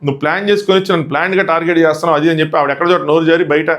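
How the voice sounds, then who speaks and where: A man's voice: a little high, rapid-fire. A man with a Telugu accent recapping a reality show in a casual solo talk, acting out the contestants' lines in shifting voices. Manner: animated, acts out contestants' quotes in shifting voices. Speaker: show reviewer.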